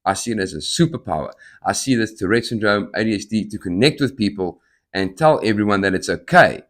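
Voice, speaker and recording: A man in his thirties tells his own story on his podcast in a somewhat low voice. He hops from topic to topic and acts out the people he quotes. Tics break into his talk now and then. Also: expressive, a little fast. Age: 30s. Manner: jumps between topics, acts out quoted dialogue; tics and sudden outbursts mid-speech. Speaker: podcast host. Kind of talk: personal storytelling monologue.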